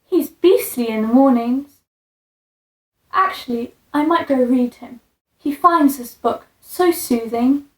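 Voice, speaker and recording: Here is a woman playing a bookish fairy-tale heroine in a pantomime. The voice is high and unhurried. She sounds sweet and earnest. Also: low-quality recording. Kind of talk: comic monologue in a family pantomime.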